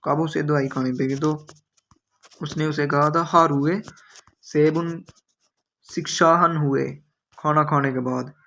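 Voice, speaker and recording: A man teaching from a textbook, reading each word aloud and then explaining what it means. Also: on the high side. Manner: repeats words slowly, explains each term. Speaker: Korean language teacher.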